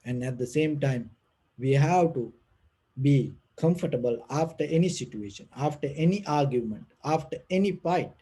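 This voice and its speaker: Man, non-native English speaker, soft breathy voice, mellow tone, slightly high pitch, gentle halting spiritual teaching. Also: animated. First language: not English. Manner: gentle, halting, with frequent pauses and repeated phrases. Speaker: meditation teacher giving a Dhamma talk. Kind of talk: unscripted spiritual talk.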